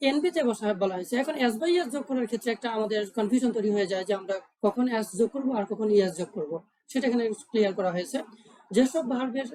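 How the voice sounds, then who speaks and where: A woman's voice: fairly high pitch, expressive, quick pace, warm tone, dry recording, low-quality recording. A woman teaching English grammar in a tutorial lesson, asking herself questions and answering them, repeating each rule.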